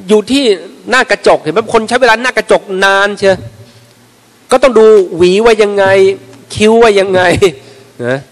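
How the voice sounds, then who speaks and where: A man's voice: high-pitched, moderate pace. A man, a religious teacher, gives an informal lecture and livens it up by acting out small everyday scenes. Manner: lively storyteller who acts out little everyday scenes. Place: mosque prayer hall. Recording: long reverb of a large prayer hall.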